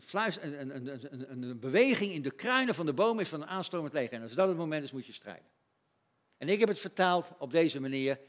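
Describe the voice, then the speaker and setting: Male preacher, slightly high voice, conversational and animated, acts out voices and asides. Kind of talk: sermon.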